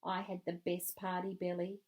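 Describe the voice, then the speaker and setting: A woman's voice: on the low side, monotone, moderate pace, a little mellow, lightly acted. A woman voicing a cheerful young boy in a children's read-along, earnest and eager. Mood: excited. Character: cheerful young boy celebrating his birthday.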